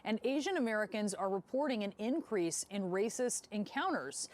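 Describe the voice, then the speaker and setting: Measured woman news anchor. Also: mid-range voice, lively intonation. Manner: measured, scripted delivery.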